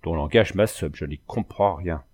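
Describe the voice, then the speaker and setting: A man's voice: sits low, normal speed, darkish tone, pitched below the performer's own voice. A man voicing an impatient, suspicious young lover asking blunt, exasperated questions.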